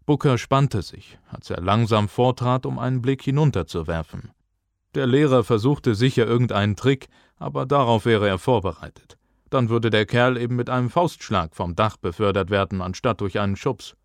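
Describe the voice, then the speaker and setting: A man narrating an audiobook in a measured, calm storytelling voice. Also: medium pitch, no room sound, clean studio sound. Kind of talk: scripted narration.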